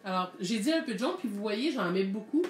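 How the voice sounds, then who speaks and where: A woman's voice: medium pitch, lively intonation, brisk, echoey room, faint music behind. A woman with a Québécois French accent teaching a live painting lesson, thinking aloud in a chatty way as she mixes colors.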